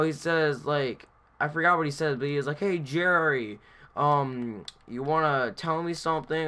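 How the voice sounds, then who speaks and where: A man's voice: on the high side, a bit bright. A young man vlogging, telling a story in a rambling, casual way with lots of filler words.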